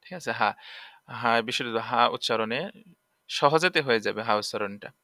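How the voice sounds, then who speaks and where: Guy teaching quran letters, bright crisp voice, says each sound over and over. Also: medium pitch, moderate pace, dry recording. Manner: patient, repeats sounds drill-style. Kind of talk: Quran reading lesson.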